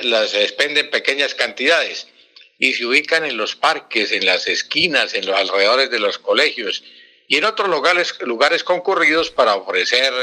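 A man explains language on a radio segment, stressing each key word and saying it again slowly. His voice is very bright and cutting, with a middle pitch. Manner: emphatic, repeats words slowly to teach. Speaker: language expert guest.

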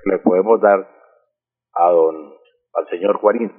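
A man explaining word usage on a radio language segment, patient and methodical, repeating key words slowly. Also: deep voice. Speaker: language expert answering listeners. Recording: husky voice over a tinny phone line with long reverb.

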